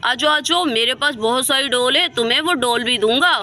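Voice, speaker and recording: A woman's voice: high voice, fairly quick, sharp tone. A woman voicing a sly, wheedling adult man who lures a girl away in a storybook tale. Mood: coaxing, sly. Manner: wheedling, coaxing. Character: sly coaxing male villain, adult man.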